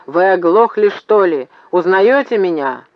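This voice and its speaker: A man voicing a frantic, heavy middle-aged man in a long coat, who yells impatiently and hoarsely in a slightly muffled, dry recording. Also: sits high, animated, measured pace, dry recording, voice pushed up. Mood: shouting. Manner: yelling, impatient. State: hoarse from shouting.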